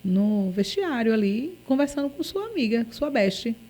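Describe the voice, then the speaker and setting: A Brazilian woman, a journalist guest in a relaxed podcast chat. Her voice is mellow and warm, and she talks in a playful, expressive way with little jokes along the way. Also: a little high, moderate pace. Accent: Brazilian Portuguese.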